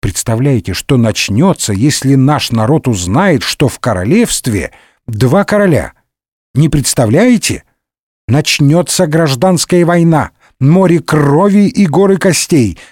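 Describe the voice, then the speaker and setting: A sly, condescending cardinal with a raised, lively voice that swoops up and down, as a male reader puts him on. He talks wryly, as if nothing could surprise him, in a comic storybook reading. The sound is dry and close. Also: on the high side, a little slow, no room sound. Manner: smug, condescending, wry. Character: scheming, sardonic male cardinal, middle-aged. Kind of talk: audiobook character voice.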